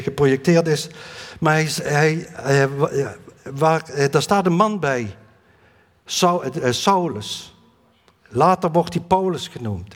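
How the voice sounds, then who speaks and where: High-voiced man preaching in a reverberant hall. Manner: earnest, halting with many fillers and restarts. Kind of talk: sermon. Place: church hall.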